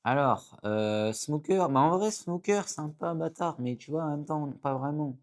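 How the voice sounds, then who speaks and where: A man doing casual, chatty commentary while opening card packs, addressing his viewers constantly and breaking into sudden excited exclamations and jokes. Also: normal speed. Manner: bursts into high exclamations and jokey asides.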